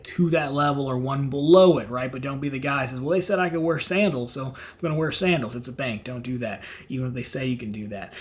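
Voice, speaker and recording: Chatty man giving money advice. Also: mid-range voice. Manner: conversational, many fillers, acts out quoted customers. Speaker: finance channel host answering viewer questions. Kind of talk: casual Q&A advice.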